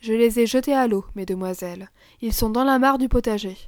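A woman's voice: a little high, brisk, no room sound, studio quality, natural voice. A woman voicing a male gardener who speaks bluntly and matter-of-factly.

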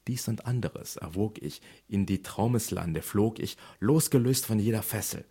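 Deep, husky man reciting dramatic poetry. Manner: declamatory, rising to urgent outbursts and sinking to slow, hushed refrains. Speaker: audiobook reader.

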